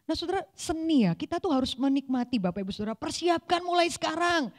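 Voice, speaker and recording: A woman's voice: high-pitched, fast talker. A woman, preaching a sermon in a church, telling stories and acting out the voices in them. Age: 40s. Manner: lively storytelling, acting out voices in dialogue. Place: church hall.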